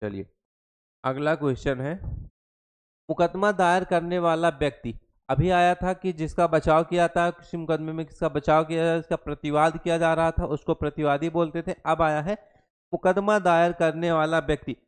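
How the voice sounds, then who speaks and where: A man's voice: fairly high pitch, steady tone, normal speed, clean tone. A young man teaching an exam-prep Hindi class, who mixes English terms into his Hindi, repeats each definition and quizzes the class with questions. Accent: Hindi with English terms mixed in.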